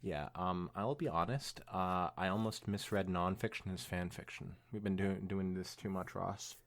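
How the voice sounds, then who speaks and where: This man's low, somewhat bright voice moves at a normal pace as he co-hosts a podcast, reading fan fiction with expressive flair. A few stumbles creep in, and he drifts into casual chat.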